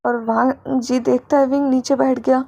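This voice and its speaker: A woman storyteller narrating fan fiction in a lively, dramatic reading. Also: high-pitched, moderate pace, vocal fry.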